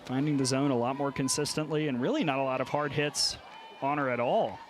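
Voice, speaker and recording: A man calling live softball play-by-play in clipped, punchy phrases. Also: medium pitch, brisk. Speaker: play-by-play announcer. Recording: noisy stadium crowd behind commentary. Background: crowd and outdoor ballpark noise.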